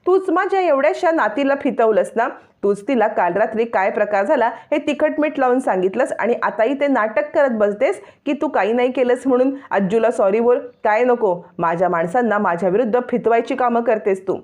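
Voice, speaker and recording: A woman's voice: fairly high pitch, animated, brisk, few pauses, a little mellow, close to an everyday voice. A woman voicing a jealous older mother-in-law who scolds and accuses her daughter-in-law, reading her lines in a recap. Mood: angry.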